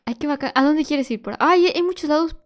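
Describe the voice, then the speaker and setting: A woman giving playful commentary on a game, excitable, squealing and shrieking at every fall. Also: high voice, fairly quick. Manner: talks to the baby as she plays. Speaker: gaming youtuber.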